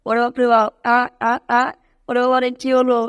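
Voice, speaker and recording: Tom, as a man voices him: high flustered cat. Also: flat delivery, normal speed, dry recording, clean studio sound, lightly acted. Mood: panicked. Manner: panicky exclamations, pleading. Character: flustered cartoon cat Tom, clumsy and panicky.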